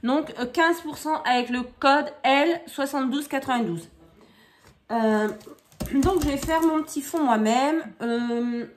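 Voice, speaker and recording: A woman's voice: high voice, takes it slowly. Chatty woman crafting at home. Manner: chatty and improvising, with frequent hesitations. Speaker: crafter demonstrating scrapbooking. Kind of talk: casual craft tutorial chat.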